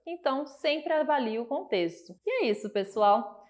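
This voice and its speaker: A young Brazilian woman gives a relaxed English lesson, talking in a friendly, chatty way. Her voice sits a little high, and she keeps piling up everyday examples to make each point. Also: moderate pace. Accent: Brazilian Portuguese. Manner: chatty, explains with lots of examples and filler "né". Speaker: English teacher. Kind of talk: casual online lesson.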